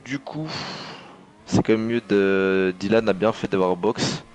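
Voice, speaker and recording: A man's voice: lowish voice, a little slow, a little mellow, clean tone, lo-fi sound. A man co-commentating motor racing live, casual, opinionated and mocking.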